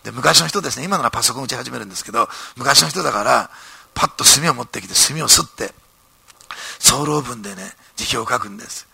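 A man preaching a sermon, telling a story in an animated way and tagging his phrases with "ne". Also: mid-range voice, quick pace, gravelly, slightly rough, dry recording. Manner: animated storytelling, frequent ね tags. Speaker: pastor.

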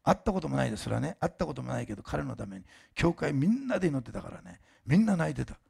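Fast-talking older male pastor with gravelly voice. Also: medium pitch, big pitch swings, a little mellow. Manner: fast-talking, admits slurring lately; chatty and emphatic, many asides and restarts. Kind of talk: sermon with personal testimony.

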